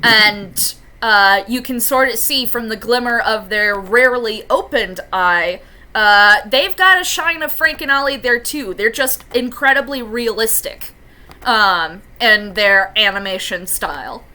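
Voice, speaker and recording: A woman's voice: fairly high pitch, measured pace, bright, forceful tone. A woman narrating a tabletop game as game master, in a chatty way with many fillers.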